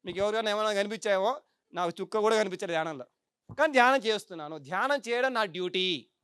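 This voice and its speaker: A woman's voice: medium pitch, fast talker, a bit bright, clear, resonant tone, no echo, clean studio sound. A middle-aged woman meditation teacher giving a spiritual talk to a live audience, emphatic and full of rhetorical questions.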